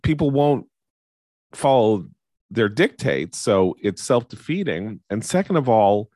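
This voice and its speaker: A man's voice: lowish voice, sing-song, measured pace, mellow, dry recording, clean studio sound. A middle-aged man hosting a political talk show, commenting analytically and in long digressions. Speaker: host.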